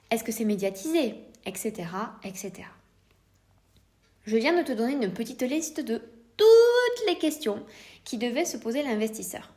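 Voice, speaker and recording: A woman with a French accent and a slightly high, darkish voice hosts a podcast as a private investor. She explains things in a scripted, didactic way, yet speaks to the listener informally with rhetorical questions.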